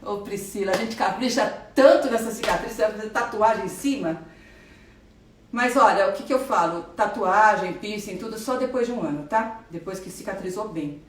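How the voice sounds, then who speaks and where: A woman plastic surgeon with a Brazilian Portuguese accent who answers viewers' questions in a live stream, talks fast and with enthusiasm, and explains while pointing and drawing. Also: mid-range voice, a little hiss or hum. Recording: roomy echo, voice a bit far from the mic.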